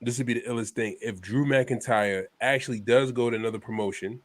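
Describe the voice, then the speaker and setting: Speaking briskly in a mid-range voice with no room sound, a man hosts a casual wrestling podcast while congested from a head cold. "Man" shows up in almost everything he says.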